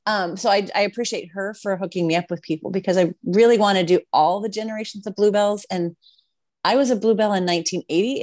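A woman's voice: mid-range voice, darkish tone, no echo, clean studio sound. Chatty woman in her sixties, closely recorded. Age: 60s. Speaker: podcast host and interviewer. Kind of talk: casual conversational interview.

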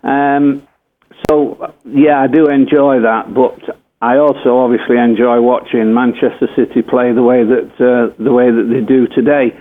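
A man's voice: mid-range voice, little pitch movement, measured pace. An older English man, a former footballer, telling a rambling anecdote full of fillers and self-corrections. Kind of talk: anecdotal storytelling. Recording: tinny phone-like radio line.

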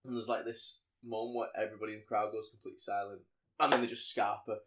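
Rambling podcast host. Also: male voice, on the low side, fast. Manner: rambling, animated retelling with frequent ums. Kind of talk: casual film recap chat.

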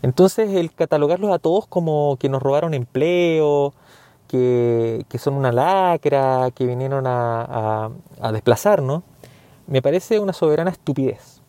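Indignant Chilean man, mellow dry voice. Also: mid-range voice, unhurried, no room sound. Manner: earnest, indignant, with many filler "eh"s. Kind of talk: opinion monologue.

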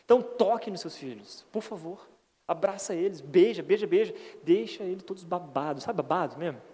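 Lively intonation and a fairly quick pace mark this high-pitched, warm male voice. A Brazilian Portuguese-accented pastor, he preaches a folksy, earnest, conversational sermon and often asks for agreement, recorded with long church hall reverb.

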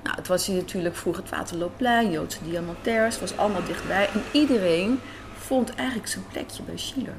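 In a hotel café with faint ambience and slight noise in the background, a woman with a mid-range voice talks a little fast. She's the interview guest, a radio drama writer and director, casually recounting stories.

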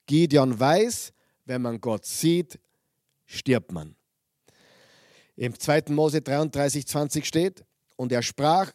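A man preaching in a dry, close-sounding space, reading scripture aloud and lifting his voice for the spoken parts. He breaks off from the text to explain it to his listeners in a plain, mid-pitched voice. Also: no echo. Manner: reads Bible passages aloud with lively emphasis, then breaks off to comment.

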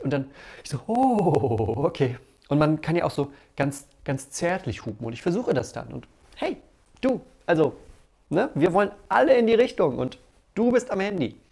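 A man's voice: mid-range voice, a little mellow. A male pastor giving a conversational sermon, acting out everyday stories as he goes.

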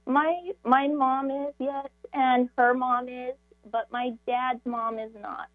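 A woman's voice: sits high, steady tone, slow pace, no echo. A woman calling in to a show, chatting hesitantly with her voice giving out, over a phone line. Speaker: call-in show caller. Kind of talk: casual chat on a call-in show. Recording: narrow, tinny phone line.

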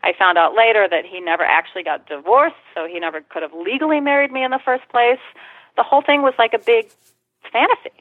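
A woman's voice: on the high side, quick pace, no room sound. A woman guest telling a personal story in conversation, retelling it vividly and swearing freely. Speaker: interview guest. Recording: tinny phone-line sound.

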